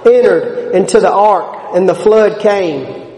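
This preacher's voice sits high, with a dark tone and a slow delivery. His sermon is emphatic and folksy, full of plain-spoken asides, and his volume rises and falls from point to point. It was recorded in a church sanctuary whose echoey hall leaves a long reverb.

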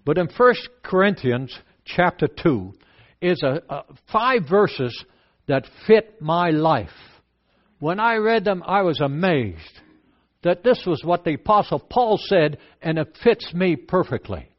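Older Dutch-accented man preaching, slightly high voice, halting plain delivery, dull lo-fi recording. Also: very animated. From Netherlands. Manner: plain, halting storytelling with many fillers. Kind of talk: sermon with personal testimony. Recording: dull lo-fi sound.

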